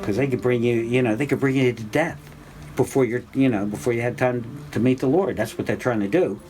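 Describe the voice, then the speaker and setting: An older man in his sixties leads a loose, rambling spiritual class, full of fillers and restarts, his voice sitting at a middling pitch. When he gets excited he climbs high and animated. A steady hiss of noise sits clearly under the recording. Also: fairly quick, poor audio. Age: 60s. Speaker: spiritual teacher. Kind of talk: informal religious class talk.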